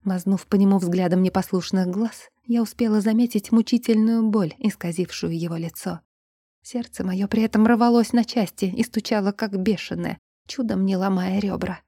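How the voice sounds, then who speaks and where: A woman narrating a first-person fantasy audiobook in a quiet, tense storytelling voice that sinks toward a whisper. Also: mid-range voice, steady tone, moderate pace, husky, no echo, clean studio sound.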